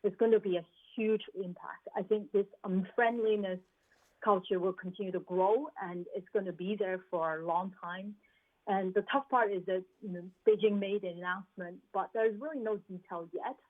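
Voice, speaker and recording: A woman's voice: medium pitch, moderate pace. A woman from Hong Kong, a venture investor, answering news interview questions thoughtfully over a remote video link, with restarts and fillers. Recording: tinny remote call line.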